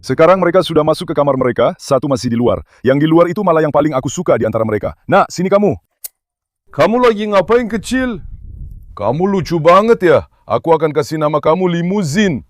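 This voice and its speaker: A man with a high, light voice talks casually to his viewers and keeps turning to coax and hush his dogs. The sound is close and dry, with no room around it. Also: animated, fast, hardly any pauses, dry recording. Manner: coaxing and scolding dogs in a soft voice. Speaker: dog keeper and vlogger. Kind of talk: casual vlog talk to camera and dogs.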